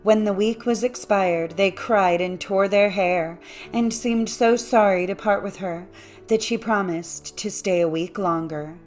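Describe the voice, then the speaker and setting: A woman narrating a classic fairy tale as an audiobook, in a measured, even storytelling manner. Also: mid-range voice, soft background music.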